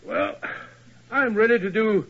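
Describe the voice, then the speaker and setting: An actor playing Doctor Watson in a 1940s radio drama, narrating and talking in a gruff, hearty, blunt way, on a lo-fi old broadcast. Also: male voice, high voice, unhurried.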